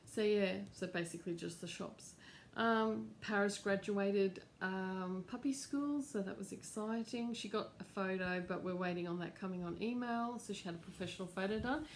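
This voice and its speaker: A middle-aged woman chats casually to camera at home, wandering from topic to topic with plenty of fillers. Her voice sits at an ordinary middle pitch, and a faint low rumble runs underneath. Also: normal speed. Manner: chatty, rambling, with fillers and laughs. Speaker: cross-stitch channel host.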